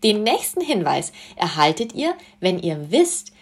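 Woman doing a loud, boastful young sun god, cheerful and cocky, storybook. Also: on the low side, big pitch swings, unhurried. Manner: loud, showy, self-assured.

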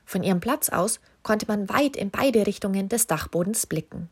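A woman calmly and expressively reading a children's story aloud as narrator. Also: medium pitch, moderate pace, husky.

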